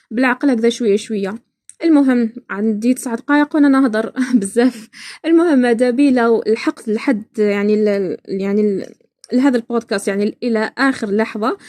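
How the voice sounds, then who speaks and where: A woman's voice: a little high, a little fast, a little mellow, no echo, studio quality. A woman from Iraq hosting a podcast, talking casually and chattily, often breaking off and restarting her words. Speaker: podcast host. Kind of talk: casual spoken monologue.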